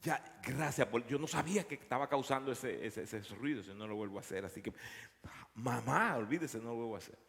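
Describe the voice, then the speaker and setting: Preacher puts on an eager, apologetic neighbor, lively and animated, in a reverberant hall. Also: male voice, medium pitch, a little fast, gravelly, voice pushed down. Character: apologetic upstairs male neighbor, eager to please.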